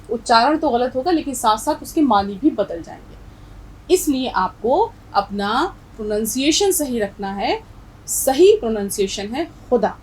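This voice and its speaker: A woman's voice: on the high side, a little hiss or hum, low-quality recording. Patient woman teaching Urdu pronunciation. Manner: patient, stresses correct pronunciation. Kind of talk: explaining a story and pronunciation.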